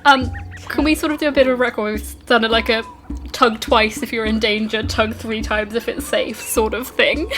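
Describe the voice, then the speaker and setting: A woman's voice: fairly high pitch, fairly even intonation, normal speed, fairly bright tone, faint music behind. A woman chatting casually as a player in a tabletop role-playing game.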